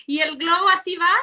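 A Mexican woman co-hosts a casual podcast with friends. Her voice is high and very bright. She tells stories full of slang and laughs often. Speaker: podcast co-host. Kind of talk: casual chat.

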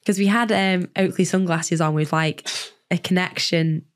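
A woman hosting a podcast in casual chat, her voice weak and husky because she is poorly. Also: fairly low pitch, steady tone, normal speed. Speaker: podcast host.

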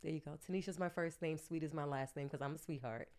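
A woman's voice: deep voice, fast talker, darkish tone. A woman from Brooklyn with a Brooklyn accent, chatting casually as a podcast guest in a candid, slangy way. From Brooklyn, New York, United States. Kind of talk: casual chat.

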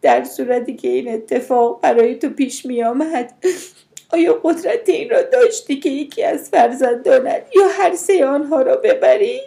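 Brief: a woman playing a desperate young mother in a storybook reading, high and tearful, loud wailing pleas. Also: vocal fry. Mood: distraught. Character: grief-stricken young mother, desperate and pleading.

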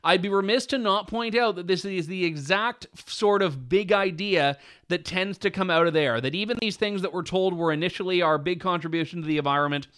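A man's voice: high voice, brisk, fairly bright tone, clean tone. A man co-hosting an opinionated news commentary show, wry and amused as he pokes fun at a story. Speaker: co-host.

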